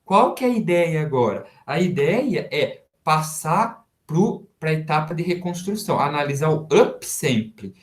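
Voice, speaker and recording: A male professor with a Brazilian Portuguese accent, talking at an unhurried pace in a slightly high voice. He walks through the math one step at a time and keeps asking his students questions that he then answers himself. The recording is roomy, with a clear echo. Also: expressive. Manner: slow step-by-step explaining with rhetorical questions to students. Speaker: university professor. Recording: roomy echoey sound.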